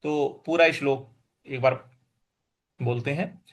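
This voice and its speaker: A man teaching Sanskrit verse recitation, sounding out each word slowly and chanting lines in a sing-song. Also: mid-range voice, fairly even intonation. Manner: slow, deliberate, repeats each word and sounds it out. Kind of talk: recitation and pronunciation lesson.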